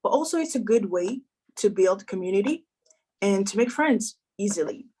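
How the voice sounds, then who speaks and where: A woman's voice: mid-range voice, normal speed, slightly rough. A young woman from the Democratic Republic of Congo, a student government president, giving an earnest welcome speech and introducing a panel. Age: young adult. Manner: earnest, welcoming, steady delivery with some fillers.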